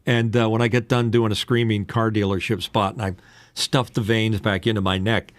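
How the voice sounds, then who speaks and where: A man in his late sixties, a voice-over announcer and podcast host, speaks at a moderate pace in a fairly low, level voice. He chats casually as a coach on voice-over, with candid, rambling explanations, and there's no room sound.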